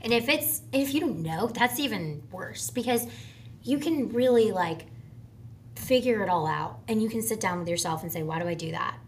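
A woman's voice: medium pitch, slight background noise. A woman in her twenties, a podcast guest chatting casually and animatedly, often jumping in with agreement. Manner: animated, quick to jump in with agreement. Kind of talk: casual conversation.

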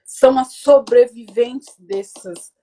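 A woman in her forties telling her story in conversation, animated and acting out what others said to her. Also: fairly high pitch, slow. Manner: animated, acts out quoted dialogue. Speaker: guest speaker.

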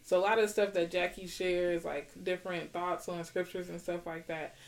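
A woman's voice: on the low side, fairly even intonation, normal speed. A woman co-hosting a relationship podcast, talking casually and with animation, laughing and teasing her partner. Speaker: podcast co-host.

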